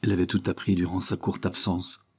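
A man narrating a novel as an audiobook in a measured, even storytelling manner. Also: low voice, slightly rough. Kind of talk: scripted narration.

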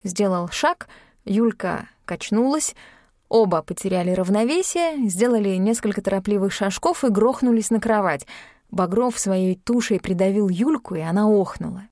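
A woman's voice: medium pitch, normal speed, mellow, no echo, studio quality. A woman reading first-person audiobook narration in a wry, ironic manner.

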